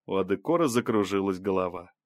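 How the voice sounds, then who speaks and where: A man narrating an audiobook in a steady, even storytelling voice. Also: deep voice, fast talker, dry recording, clean studio sound. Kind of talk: scripted narration.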